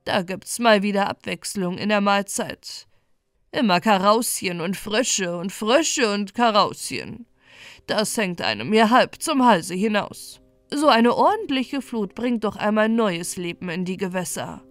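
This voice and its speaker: A woman's voice: mid-range voice, animated, measured pace, dry recording, faint music behind. A woman voicing a greedy, sly male pike with a nasal twang while reading a storybook. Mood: smug. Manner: smug, sly politeness.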